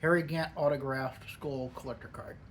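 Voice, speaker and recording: A man's voice: mid-range voice, fairly even intonation, normal speed. Man talking with a lip full of dip, noisy recording. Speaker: product reviewer. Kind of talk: casual solo video review. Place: upstairs in a garage.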